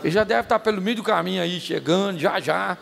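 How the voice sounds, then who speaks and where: A Brazilian man preaching a sermon as pastor, animated and joking, shouting out the lines he acts out. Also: high voice, brisk, creaky. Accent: Brazilian Portuguese. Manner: animated, jokey, shouts acted-out quotes. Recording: reverberant hall, faint ambience.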